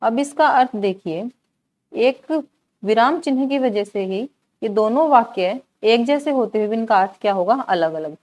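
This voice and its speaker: A woman teaching a grammar lesson for exam preparation, asking the class questions and answering them herself while repeating key words slowly. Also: fairly high pitch, lively intonation, a little mellow.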